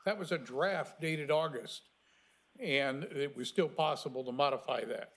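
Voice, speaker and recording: A man chairing a city planning meeting, reading formal procedural statements quickly and often tripping over and restarting words. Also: on the high side, a bit bright.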